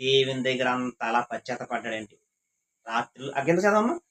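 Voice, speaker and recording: A man's voice: medium pitch, lively intonation, fairly quick, fairly bright tone, rough recording. A man leading a Bible class, repeating his points and quizzing the class with questions. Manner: repetitive, asks the class questions.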